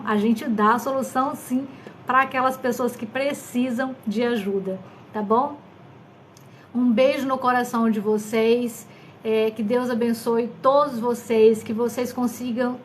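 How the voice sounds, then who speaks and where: A woman's voice: on the high side, fairly bright tone, slight background noise. A woman in her fifties, a doctor answering questions on a live stream, affectionate and often checking in with her listeners.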